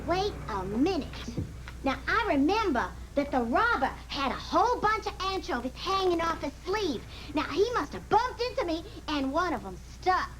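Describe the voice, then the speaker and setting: An actress playing a gushing, flirtatious damsel client in a noir parody sketch. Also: female voice, very high-pitched, sing-song, normal speed, fairly bright tone, slight background noise, full character voice, rough recording. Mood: coy, flirtatious. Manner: gushing, coy. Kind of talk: sketch comedy acting. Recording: music behind the voice.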